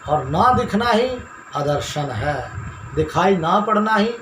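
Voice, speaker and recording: A man teaching Sanskrit grammar in a measured, explanatory lecture style, reciting verses and then paraphrasing them. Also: high-pitched, animated, fairly bright tone. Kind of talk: classroom lecture explaining sutras. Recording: echoey room with noisy background.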